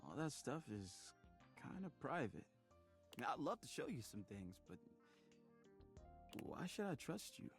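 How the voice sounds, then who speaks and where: A man's voice: medium pitch, very animated, unhurried, pauses often. An actor voicing a cheerful, chatty male vacuum cleaner in a dating game, with an upbeat, bouncy delivery. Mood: wistful. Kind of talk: video game voice acting. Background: game music.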